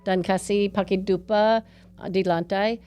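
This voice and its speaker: Music plays behind a woman with a mid-pitched voice and an American accent. She is a native English speaker talking in Indonesian as a foreigner, often mixing in English phrases. Her delivery is casual storytelling, as a guest in an interview. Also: steady tone, unhurried, mellow, smooth. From United States. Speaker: interview guest, gallery owner and painter.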